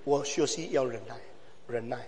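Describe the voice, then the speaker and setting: A man preaching a sermon as pastor, swinging from low, quiet asides to loud, shouted exhortation with rhetorical questions. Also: normal speed, a little hiss or hum. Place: church hall. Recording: long hall reverb.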